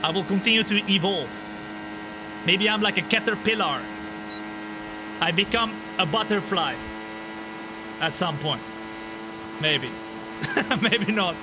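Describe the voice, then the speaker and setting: A man's voice: high voice, slow pace, long pauses. A twenty-five-year-old man streaming a racing game live, chatting with viewers and calling the race in a joking, self-teasing way. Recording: game engine noise behind voice. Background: racing car engine sounds.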